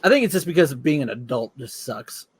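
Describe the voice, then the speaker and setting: A man's voice: medium pitch, expressive, brisk, slightly rough, dry recording. A man co-hosting a podcast in casual chat, teasing and wry, laughing often. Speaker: podcast co-host.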